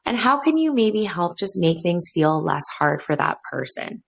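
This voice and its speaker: Thirtyish woman podcast cohost, low voice w some fry, thinking out loud. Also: sing-song, moderate pace. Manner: reflective, frequent fillers. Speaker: podcast co-host. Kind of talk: casual conversational podcast.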